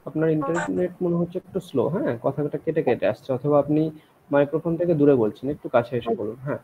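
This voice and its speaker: A man teaching Vedic chanting in an online class, patiently correcting students and modelling each line slowly. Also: fairly high pitch. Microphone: video call. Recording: tinny phone-like call audio with faint hiss.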